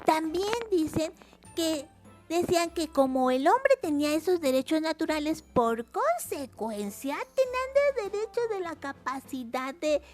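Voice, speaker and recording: Very high, sing-song woman teaching children. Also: big pitch swings, measured pace, darkish tone, faint music behind. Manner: repeats words for emphasis, chatty explanations. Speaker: educational video channel host. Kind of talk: simple history lesson addressed to children.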